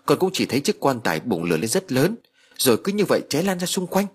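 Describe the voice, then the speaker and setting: A man's voice: medium pitch, big pitch swings, fast talker, breathy edge, pitched above the performer's own voice. A man voicing a young nephew who hesitantly explains what he saw. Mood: uneasy.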